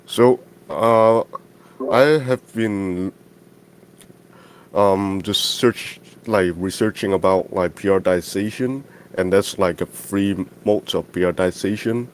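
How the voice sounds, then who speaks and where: A man with a low, clear, resonant voice calls into a podcast over a voice call, speaking slowly. It's a casual chat, and he asks his questions hesitantly, with lots of fillers.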